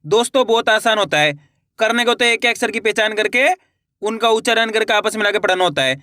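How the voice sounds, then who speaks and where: Bright-voiced man teaching reading. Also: sits high, dry recording, clean studio sound. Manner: slow, drawn-out syllable-by-syllable pronunciation. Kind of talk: online reading lesson.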